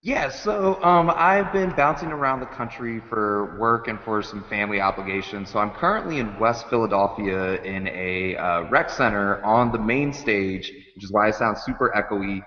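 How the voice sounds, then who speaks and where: A man's voice: on the low side, normal speed, few pauses, pushed and bright, highs cut off. A man co-hosting a webcast from a large rec center stage, his voice echoing through a big hall over a video call, chatty and self-deprecating. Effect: big hall echo. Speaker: co-host. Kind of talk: casual chat on a webcast.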